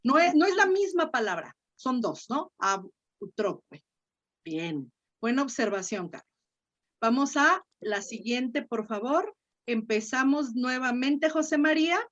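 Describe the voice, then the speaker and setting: Mexican woman, a little high, patient teacher on a dull lo-fi call line, encourages and corrects gently. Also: expressive, measured pace. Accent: Mexican Spanish. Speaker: Latin teacher. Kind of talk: online class instruction. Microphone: video call. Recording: lo-fi video call audio.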